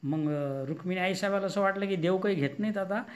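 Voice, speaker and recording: Animated man telling a sermon story. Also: high-pitched, fast talker. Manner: animated storyteller acting out dialogue, frequent "hm?" asides. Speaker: kirtan preacher. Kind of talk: Marathi devotional storytelling sermon.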